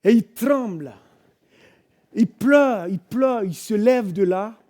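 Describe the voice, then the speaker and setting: A man with a French accent preaching in church, telling a story dramatically, moving from hushed tones to loud cries and bits of sung hymn. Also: high-pitched, animated, takes it slowly. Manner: dramatic storytelling, swelling from hushed to shouting and singing. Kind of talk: sermon storytelling.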